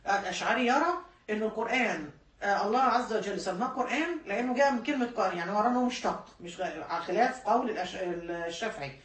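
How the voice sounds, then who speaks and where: Egyptian woman, teacher, rapid lecture, repeats key points, echoey room, distant mic. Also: medium pitch, expressive. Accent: Egyptian Arabic. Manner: explains patiently, repeats key points, self-corrects mid-word. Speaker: religious studies teacher. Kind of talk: classroom lecture.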